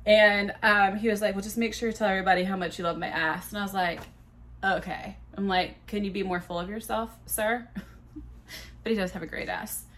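A woman in her thirties hosts her own podcast, telling stories solo in a chatty, profane, self-mocking way with a big voice. Her delivery is fairly quick and a bit bright, at medium pitch with fairly even intonation.

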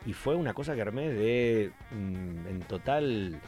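A man with an Argentine accent, a voice actor telling lively anecdotes in a radio interview. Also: on the low side, a little slow, soft background music. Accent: Argentine Spanish. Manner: animated storyteller, acts out voices in anecdotes. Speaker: voice actor guest.

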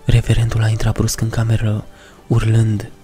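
A man narrating a first-person horror story in a measured, somber way. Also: lowish voice, monotone, over music.

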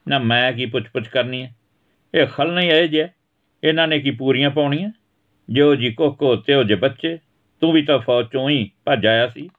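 A man's voice: mid-range voice, moderate pace, distant mic, phone-quality sound, pitched above the performer's own voice, close to an everyday voice. A man voicing a village mother who nags and scolds sarcastically in a storybook reading. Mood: scolding. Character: sharp-tongued village mother.

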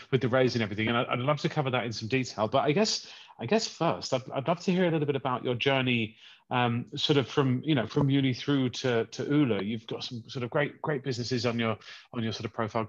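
Guy hosting an interview, talks fast, kinda muffled audio. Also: mid-range voice. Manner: friendly, quick, repeats words. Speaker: interviewer host. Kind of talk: casual interview chat. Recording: dull lo-fi sound.

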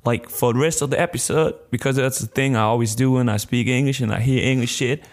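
A man's voice: mid-range voice, steady tone, fast. Man in a put-on gangster drawl. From Germany. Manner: put-on American gangster slang and swagger; bursts into snatches of song. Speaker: podcast co-host. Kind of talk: casual chat.

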